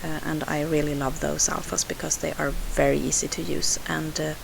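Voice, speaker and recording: This voice-over comes from a Swedish woman, host of a scrapbooking video, describing her process with a Swedish accent. Her voice is low and creaky, level in tone and moderate in pace, and she keeps restarting and saying "uh." It was recorded at home and sounds hissy.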